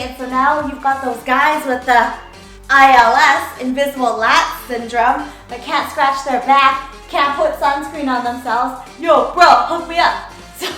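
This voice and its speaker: High female voice, fitness coach, casual workout demo, playful gym-bro talk, heavily echoing room, music behind. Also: fairly bright tone. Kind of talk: casual workout demonstration to camera. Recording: very echoey room, background music.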